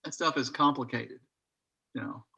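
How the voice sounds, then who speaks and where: A man's voice: mid-range voice, moderate pace, vocal fry, sharp tone, breathy edge. A man chatting casually in an online study group over a video call, rambling a little and thinking aloud as he goes.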